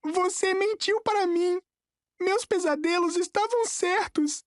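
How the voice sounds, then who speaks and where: A woman's voice: extremely high pitch, measured pace, dry recording, voice pushed up. A woman with a Brazilian accent voicing a furious, grieving young boy who screams near tears, recorded dry and close. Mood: anguished. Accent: Brazilian Portuguese.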